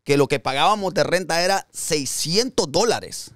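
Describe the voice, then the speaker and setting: A young adult man hosting a podcast, telling stories in an animated, slangy way. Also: a little high, moderate pace, no echo, clean studio sound. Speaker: podcast host. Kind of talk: casual podcast conversation.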